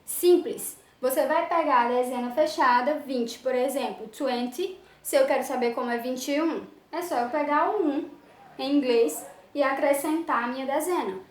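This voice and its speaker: A woman English teacher giving a slow, patient lesson, drawing out her explanations. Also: high voice. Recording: echoey room with faint ambience.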